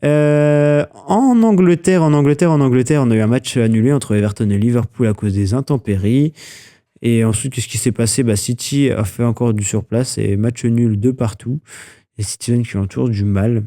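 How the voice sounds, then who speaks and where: A man with a mellow, warm voice hosts a casual sports news roundup. He chats loosely, full of fillers, hesitations and quick self-corrections. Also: mid-range voice. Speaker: sports news podcast host.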